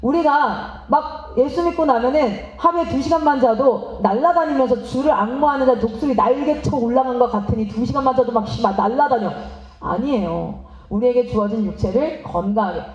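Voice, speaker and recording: A woman missionary giving a lively seminar talk, asking the audience questions and acting out parents and children. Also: a little high, normal speed. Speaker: missionary speaking at a teachers' seminar. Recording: roomy, slightly dull hall recording.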